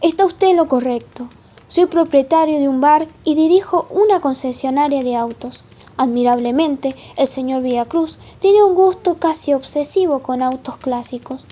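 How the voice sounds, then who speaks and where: A woman's voice: sits high, moderate pace, warm tone, close to an everyday voice. A woman playing a proud, defensive Italian male business owner in a formal, wordy radio play style. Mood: guarded, formal. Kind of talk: amateur radio play acting.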